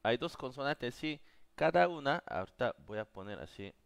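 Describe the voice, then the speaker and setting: A man's voice: medium pitch, lively intonation, moderate pace, gravelly, smooth. A man with as his teaching a live online class, patiently answering viewers' questions. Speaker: Korean teacher.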